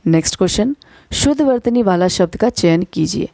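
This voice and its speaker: A woman's voice: medium pitch, expressive, creaky, warm tone, dry recording. A woman teaching an exam-prep spelling lesson, spelling words out letter by letter and often checking in with her students. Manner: slows down to dictate syllables. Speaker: Hindi teacher.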